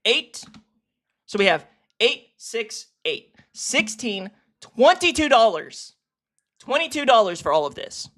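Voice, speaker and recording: A streamer giving casual, profane reaction commentary while ranking a video series, excitable and quick to laugh. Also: mid-range voice.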